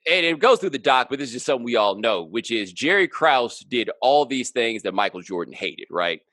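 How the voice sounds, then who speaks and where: A man's voice: medium pitch, big pitch swings, a little fast, sharp tone, no echo. A man talking as a guest on a casual sports podcast, emphatic and driving his points home with rhetorical questions.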